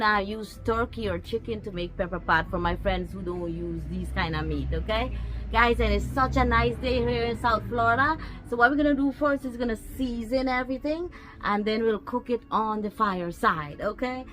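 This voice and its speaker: A Guyanese cooking vlogger with a Guyanese accent shows a recipe in her backyard, chatting casually with viewers and her pets. Her voice is fairly high and fairly bright, at a moderate pace, with faint music behind.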